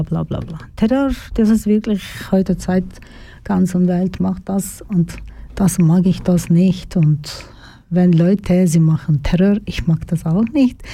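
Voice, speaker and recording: A woman radio host speaking simple, in a slow, reflective way. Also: fairly low pitch, dark tone, dry recording. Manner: simple non-native German, slow and reflective. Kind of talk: casual radio talk.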